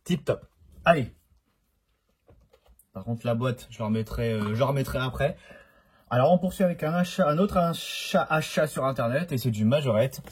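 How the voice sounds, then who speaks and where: Husky chatty man showing toy cars. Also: mid-range voice, animated, normal speed, pauses often. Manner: chatty, self-interrupting, jokey. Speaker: diecast car collector. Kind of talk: casual collection vlog. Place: home collection corner.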